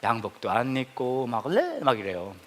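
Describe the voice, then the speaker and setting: A man's voice: a little high, very animated, brisk, a bit bright, slight background noise. A male pastor telling a humorous, self-mocking story in a sermon to a congregation. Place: church service before a congregation.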